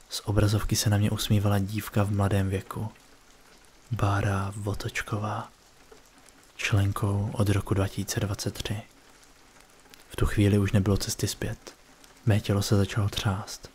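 A man reading a first-person horror story aloud in a brooding, scripted narration. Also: slight background noise. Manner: low, flat, brooding delivery.

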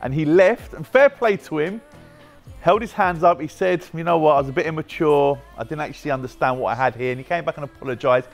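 Soft music sits behind this British man in his thirties as he hosts an easygoing, humorous walkaround of his car wrap shop, bantering with his employees. His pitch is fairly high and his delivery fairly quick, and the space is a large, bright indoor car workshop.

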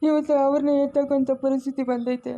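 A woman's voice: high voice, level tone, quick pace, mellow, lo-fi sound. A woman with a rural Karnataka accent voicing a grieving elderly village accountant in an amateur family drama, crying and pleading. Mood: weeping. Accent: Karnataka rural Kannada. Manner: pleading, broken lament.

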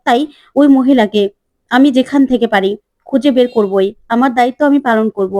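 A woman's voice: on the high side, normal speed, a little mellow, no room sound, lightly acted. A woman voicing a troubled young man who argues with his mother, speaking with pleading emotion. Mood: distraught. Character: troubled grown son, distraught.

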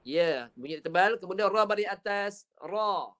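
Malaysian guy teaching quran reading online, fairly high voice, repeats every sound for the class. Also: animated, fairly bright tone. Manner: patient, models sounds slowly and repeats them. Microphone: online video call.

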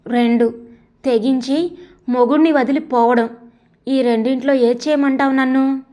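Woman voicing a calm, resigned wife. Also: sits high. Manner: measured, reasoning.

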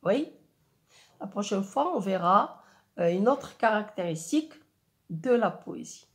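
Slow, patient woman teaching a lesson. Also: mid-range voice, animated. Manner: patient, frequent "oui" and "euh", spells out syllables. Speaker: French teacher. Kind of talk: slow classroom explanation.

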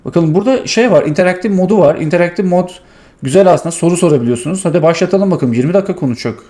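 A man hosting his tech channel, casually walking through a software demo and thinking aloud with many fillers. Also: sits high, racing.

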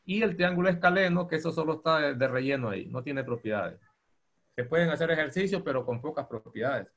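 A man teaching a university geometry class, dictating slowly and spelling out terms. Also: fairly high pitch, fairly bright tone. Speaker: geometry lecturer.

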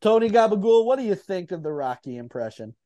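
A man's voice: high voice, very animated, quick pace, mellow. A man hosting a casual podcast chat, teasing and joking with his co-hosts. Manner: jokey, teasing. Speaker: podcast host.

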